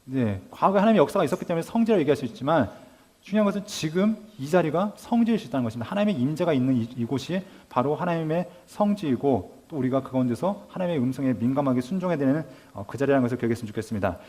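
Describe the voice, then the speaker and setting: A man teaching a Bible school class, asking his listeners rhetorical questions and acting out lively quoted dialogue. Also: fairly high pitch, racing. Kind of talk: lecture to a class.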